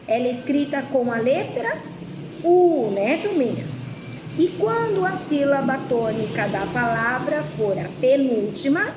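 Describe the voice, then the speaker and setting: Brazilian woman teacher, slightly high voice, slow and patient with kids, echoey room, faint noise. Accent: Brazilian Portuguese. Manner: slow, patient, asks the class questions. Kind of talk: children's lesson.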